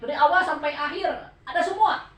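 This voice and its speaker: A woman with a fairly high voice and a Sundanese accent teaches a Quran study group. She explains patiently and keeps asking her listeners to answer. The sound is echoey, heard from a distance across a room with faint noise behind. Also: a little fast, a bit bright. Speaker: religious teacher.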